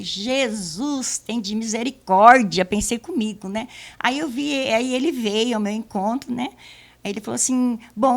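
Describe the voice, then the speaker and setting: A middle-aged woman giving a church testimony, telling her story in a casual, lively way and acting out the dialogue. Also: medium pitch, vocal fry.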